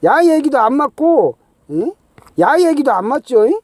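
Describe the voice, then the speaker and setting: A man's voice: very high voice, sing-song, normal speed, a little mellow, no room sound. A middle-aged man, talking through a rambling, exasperated explanation, full of fillers and rhetorical "huh?" checks. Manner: exasperated, scoffing, filler-heavy with constant "ye" and "eung?". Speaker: channel host.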